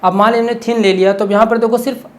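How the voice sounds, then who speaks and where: A man's voice: sits high, steady tone, racing. A man teaching an exam-prep lesson, explaining step by step and asking questions he answers himself. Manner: explains step by step, keeps asking "what is it?" and answering, frequent "okay".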